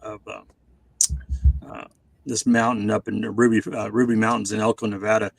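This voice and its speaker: A man's voice: lowish voice, little pitch movement, normal speed, gravelly, no room sound, poor audio. A man in his forties chatting casually on a video call, rambling with many fillers and restarts. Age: 40s.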